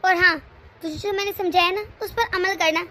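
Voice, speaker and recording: A woman's voice: extremely high pitch, steady tone, a little fast, bright, forceful tone, slight background noise. A woman voicing a stern, bossy older mother-in-law in a cartoon family drama, lecturing and giving orders. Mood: instructing. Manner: lecturing, commanding.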